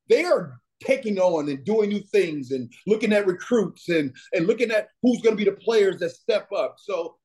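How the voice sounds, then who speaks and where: A man guesting on a sports talk show, speaking in an animated, motivational way and calling the host man and brother. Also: high voice, breathy edge. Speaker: guest, player's father. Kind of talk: casual sports interview.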